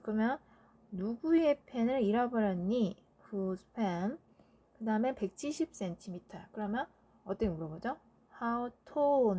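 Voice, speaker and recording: A woman's voice: mid-range voice, warm tone. A woman teacher going through English grammar exercises in a lecture, checking understanding with short tag questions. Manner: slow, explanatory, checks with "그쵸?". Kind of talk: lecture explaining grammar answers.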